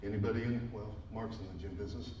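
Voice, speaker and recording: A man's voice: lowish voice, steady tone, fast talker, dark tone, muffled recording. Breathless man in his thirties, echoey hall. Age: 30s. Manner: casual, self-deprecating, with many fillers. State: a little out of breath. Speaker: speaker at a business event. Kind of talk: personal testimony talk to a live audience. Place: large event hall with a live audience. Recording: echoey hall, mic far off, crowd noise.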